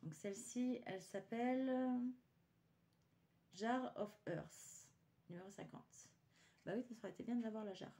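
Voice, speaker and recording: Unhurried and pausing often, a woman with a mid-range voice talks casually through an unboxing on her craft channel. She hesitates frequently and lowers her voice to a mutter while handling things.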